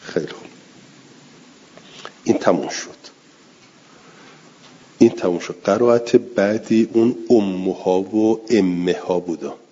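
Man, deep dark voice, teaching a lecture, step-by-step explanations, dull lo-fi sound. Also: long pauses. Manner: explains step by step, repeating examples. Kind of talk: classroom lecture on Quranic recitation. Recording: dull lo-fi recording.

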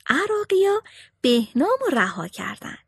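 A woman reads a children's story aloud with an expressive storyteller's delivery. Her voice is high and moves a lot in pitch. The recording is dry and close. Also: gravelly, no echo. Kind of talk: storybook narration.

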